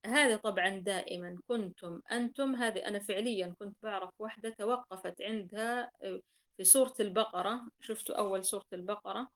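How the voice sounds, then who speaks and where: A woman's voice: medium pitch, quick pace. A woman teaching Quran recitation rules in a class, explaining patiently, repeating key points and sounding out examples.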